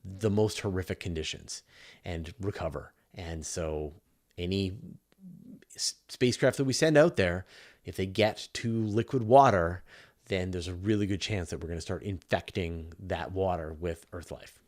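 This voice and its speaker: Low-voiced Western Canadian man explaining. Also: fairly even intonation, normal speed, darkish tone. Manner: casual explanatory, many fillers and restarts. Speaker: host answering live viewer questions. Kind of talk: live Q&A chat.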